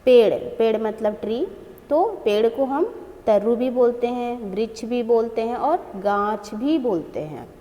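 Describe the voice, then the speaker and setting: Woman, teacher, children's lesson, slow and patient, somewhat high voice, reverberant room. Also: lively intonation, mellow. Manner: slow, explaining and repeating words for children.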